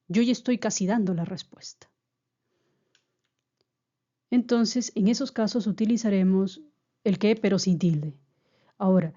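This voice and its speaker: A woman giving a grammar lesson, explaining slowly and patiently and often repeating her key points. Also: medium pitch, mellow, muffled recording. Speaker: teacher.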